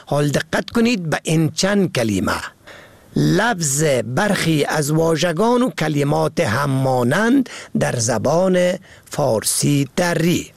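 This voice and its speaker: A man presents a scripted spelling lesson, slowly and carefully spelling words out letter by letter. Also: on the high side, sing-song, vocal fry, no echo. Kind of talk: scripted educational narration.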